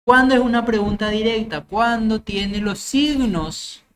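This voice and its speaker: A woman's voice: on the high side, measured pace, a little hiss or hum. A woman teacher, giving a grammar lecture step by step with examples and often checking that the class understands. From Paraguay.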